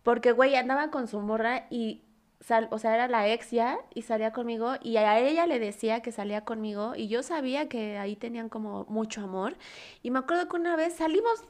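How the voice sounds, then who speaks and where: A young Mexican woman telling stories in casual chat, slangy and animated. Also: on the high side, a little fast. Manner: slangy, animated storytelling with acted-out cries.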